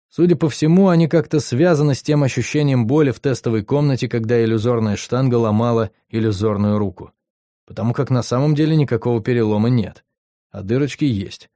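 A man reading an audiobook in a steady, even storytelling voice. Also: mid-range voice, dry recording, clean studio sound. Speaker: audiobook reader. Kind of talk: audiobook narration.

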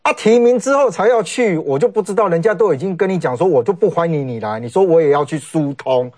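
A man with a Taiwanese Mandarin accent giving animated, sarcastic political commentary on a talk show, often mimicking what others said. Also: on the high side, quick pace.

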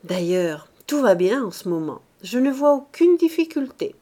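A woman's voice: fairly high pitch, big pitch swings, normal speed, warm tone, pitched above the performer's own voice. A woman voicing a timid, fretful old male bishop who talks in a plaintive, raised voice with anxious outbursts. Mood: fearful, resigned.

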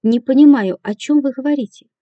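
A woman's voice: high-pitched, fairly quick, dry recording, lo-fi sound, natural voice. A woman reading the lines of a strict, proper hotel manager in a stern, curt manner, in an audiobook.

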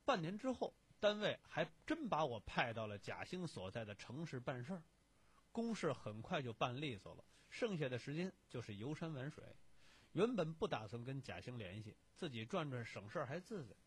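A man reading a first-person short story aloud on the radio, with lively storytelling narration. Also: mid-range voice, normal speed, husky, no room sound.

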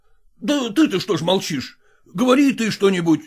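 A smug, fawning merchant of the old days, as a male audiobook reader plays him, placating but unbending. His speech is drawn out and overly polite, with a fairly high, lively voice. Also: husky, exaggerated voice. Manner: obsequious, drawn-out, adding a polite "-s".

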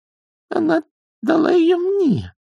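A timid young witch with a faltering, squeaky voice, pitched far above the reader's own, as a man acts her out. Her speech swoops widely up and down. It sounds close and dry, as if read straight into the mic. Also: huge pitch swings, slow, gravelly, mellow, dry recording, muffled recording, exaggerated voice. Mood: stubborn.

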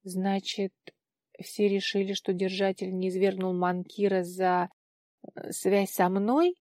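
A woman voicing an excitable young heroine in an audiobook, with high, emotional outbursts. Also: slow pace, no room sound, studio quality, lightly acted. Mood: alarmed.

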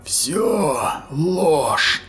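Desperate chained giant, strained and hoarse-edged, voiced by the male narrator. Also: a little high, expressive, extremely slow, over loud music, voice pushed up, exaggerated voice. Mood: hissing. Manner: strained, hissing, breaking into shouts.

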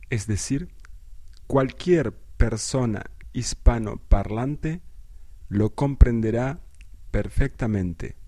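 A man teaching a podcast language lesson, explaining each point slowly and carefully. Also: medium pitch, lively intonation, mellow, no room sound. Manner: slow, careful explaining delivery. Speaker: Spanish teacher.

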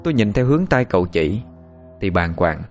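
A man narrating a first-person story in a steady, calm storytelling manner. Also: low-pitched, normal speed, faint music behind.

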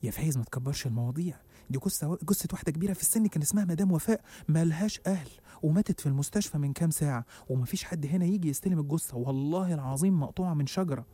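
A man's voice: on the high side, racing, mellow, dry recording, natural voice. A man doing a nervous, stammering lying doctor. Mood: nervous excuses. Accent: Egyptian Arabic. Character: nervous lying male doctor, hushed and defensive.

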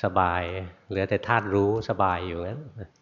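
A man, a Buddhist monk, telling a story in a relaxed sermon, often adding soft tag words, on a dull lo-fi recording in a sermon hall. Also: low voice, brisk. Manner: relaxed storytelling with frequent "na" tags.

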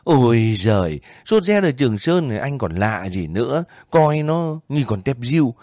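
A devoted young soldier, coaxing and homely, in a dry, close storybook reading, as a male narrator puts him on. The voice sits a little higher and fuller than plain narration. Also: very animated, normal speed, a little mellow, no echo, lightly acted. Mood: brushing off.

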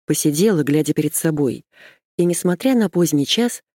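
Female audiobook narrator, steady first-person storytelling, dry close mic. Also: sits low, moderate pace, no echo.

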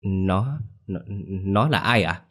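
A man's voice: lowish voice, expressive, fast. A man voicing a young grandson, uneasy and hesitant around his grandmother.

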